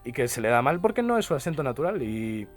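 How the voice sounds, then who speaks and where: A man's voice: medium pitch, sing-song, quick pace. A young man with a Canarian accent, a linguist and poet talking as a radio guest, explaining at length and often adding tag questions. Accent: Canarian Spanish. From Canary Islands. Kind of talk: radio interview conversation. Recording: radio studio with faint music behind.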